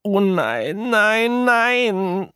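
A man voicing a vain teenage god turned human who wails shrill, melodramatic complaints, in a German audiobook. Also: moderate pace, dry recording, studio quality, lightly acted. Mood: wailing.

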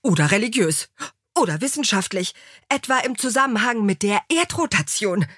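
A woman's voice: medium pitch, big pitch swings, measured pace, a bit bright, dry recording, studio quality, voice pushed up. A woman reading a story aloud and voicing a flustered man who babbles in a hasty, lecturing way. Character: flustered, rambling nerdy man.

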